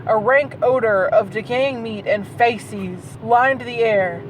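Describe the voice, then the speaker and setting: Slowly and with fairly high pitch, a woman hosts a dramatic read-aloud of bad fan fiction, cutting in with swearing, unbelieving asides to make fun of it. The clip is recorded in a moving car, where road noise comes through clearly.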